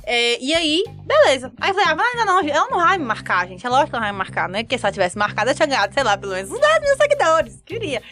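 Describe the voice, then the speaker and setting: Fast-talking high-voiced Mineira woman. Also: faint music behind. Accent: Mineiro Brazilian Portuguese. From Montes Claros, northern Minas Gerais, Brazil. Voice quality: animated, self-dramatizing, quotes others in lively voices. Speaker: guest. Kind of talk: casual storytelling chat.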